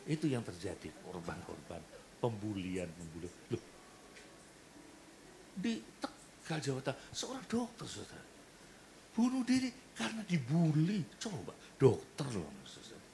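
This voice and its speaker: A man with an Indonesian accent preaching a sermon in a church, animated and acting out the people in his stories. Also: mid-range voice, unhurried, vocal fry, a little hiss or hum. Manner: animated, acts out quoted voices and jokes. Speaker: pastor. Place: church hall.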